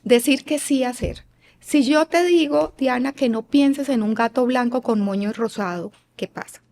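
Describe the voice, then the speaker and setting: A fairly high-voiced woman talks as an expert guest in an interview. She sounds earnest and a bit like a teacher, slipping into quick acted-out lines of parents and kids. She keeps asking listeners "right?". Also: a little mellow. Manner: earnest and didactic, acting out parents and children; asks listeners rhetorical questions. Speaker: guest expert on child rearing. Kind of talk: explanatory interview talk.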